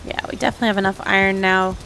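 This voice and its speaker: A woman chatting casually with her co-op partner while playing a game. She sounds relaxed and easily amused. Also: mid-range voice, very fast, gravelly, background noise. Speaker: co-op gaming partner, channel host. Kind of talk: casual gameplay chat.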